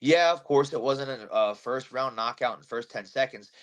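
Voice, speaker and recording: A man's voice: medium pitch, normal speed, dull audio. A man who fights bare-knuckle, talking brashly after a bout, swearing and telling fight stories with energy. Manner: brash, swearing, animated storytelling. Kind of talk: post-fight interview.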